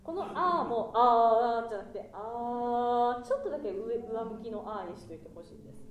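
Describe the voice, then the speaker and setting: A woman's voice: a little high, big pitch swings, fast talker, fairly bright tone, far from the mic, highs cut off, a little hiss or hum. Female choir conductor, encouraging and polite, demonstrates by singing; roomy hall, off-mic. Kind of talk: choir rehearsal coaching.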